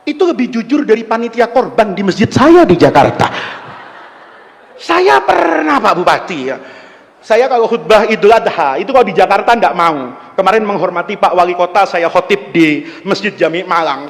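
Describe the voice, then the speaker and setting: A male preacher delivers a humorous sermon, turning his story into a string of jokes. His voice is very high, and its pitch leaps around constantly. A long hall reverb trails after every phrase. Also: normal speed. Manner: animated joking storytelling.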